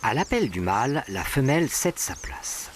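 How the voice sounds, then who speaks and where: A man narrates a nature documentary in a scripted, storytelling register. His mid-pitched voice moves through a lively range of intonation, with clear bird and animal ambience behind it. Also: normal speed, slight background noise. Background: birdsong and natural ambience.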